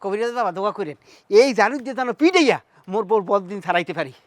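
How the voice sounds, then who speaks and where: Man, Barishal Bengali accent, excitable pleading villager, high quick voice. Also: no room sound. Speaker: villager client. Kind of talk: comic sketch acting.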